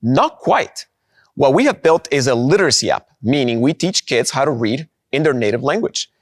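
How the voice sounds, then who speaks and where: A man from Guatemala, giving an upbeat conference keynote and slowing down to stress key points. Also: mid-range voice, sing-song, no room sound, studio quality. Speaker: presenter of a product.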